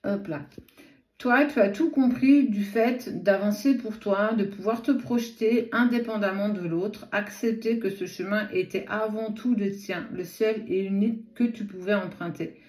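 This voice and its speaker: Lady doing a card reading, mellow voice, lispy slushy sh for s, talks right at you, roomy echo. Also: medium pitch, unhurried. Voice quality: lisp with slushy sh-like s from a swollen tongue. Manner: direct second-person address, frequent asides. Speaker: tarot card reader and host. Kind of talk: spontaneous tarot reading to camera. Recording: echoey room.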